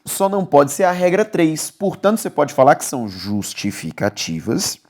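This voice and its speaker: A man's voice: on the high side, moderate pace. A man with a Brazilian accent teaching an exam-prep grammar lesson, coaxing and repetitive, often checking in with his students. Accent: Brazilian Portuguese. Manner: lively, coaxing, repeats key words, checks in with "beleza?".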